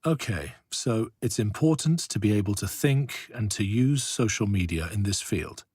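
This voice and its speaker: A man's voice: on the low side, animated, normal speed, darkish tone, breathy edge, no room sound, studio quality. A man asking questions as the interviewer in a scripted textbook interview.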